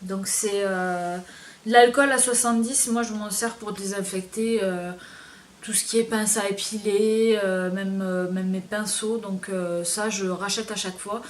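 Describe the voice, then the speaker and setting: A woman's voice: mid-range voice, fairly even intonation, a little slow. A woman beauty vlogger reviewing her used-up products in a casual, hesitant way, with many fillers.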